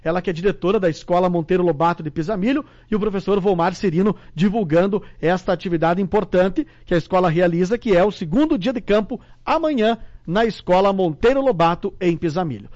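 A southern Brazilian man hosts a local radio interview. His voice sits high for a man. The broadcast sound is dull and lo-fi. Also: fast talker, a little mellow. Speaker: radio host.

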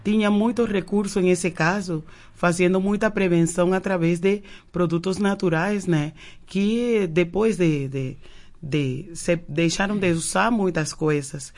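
A woman's voice: on the low side, measured pace, darkish tone. A Cuban woman whose first language is Spanish, a naturopath guest on a radio show, who speaks Portuguese with Spanish words mixed in and often repeats words while searching for them. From Cuba. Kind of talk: radio interview answers. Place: radio studio.

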